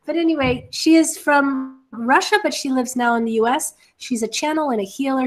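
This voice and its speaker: Short-of-breath woman hosting a webinar. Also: fairly high pitch. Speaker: webinar host. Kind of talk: casual webinar hosting, announcements. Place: home office, indoors, on a video call.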